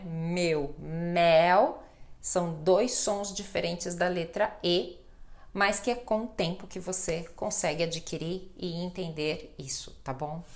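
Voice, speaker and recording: A Brazilian woman teaching Portuguese pronunciation, patient and reassuring as she spells out example words. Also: fairly low pitch. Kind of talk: slow pronunciation lesson.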